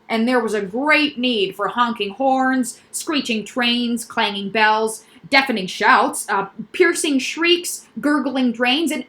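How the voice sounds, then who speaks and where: A woman's voice: fairly high pitch, a bit bright. A woman voicing a fussy male doctor who eagerly sells noise remedies, talking in an emphatic, salesman-like way.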